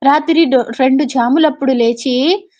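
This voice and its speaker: A woman's voice: sits high, normal speed, darkish tone. A woman reading an old literary novel aloud as a storyteller, stopping now and then to explain in plain talk. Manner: reads old literary prose, adds casual explanations. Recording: dull lo-fi audio.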